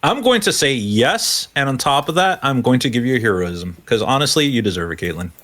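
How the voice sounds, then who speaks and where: A man's voice: mid-range voice, lively intonation, brisk, fairly bright tone. A man running a tabletop game as game master, narrating loosely with many fillers.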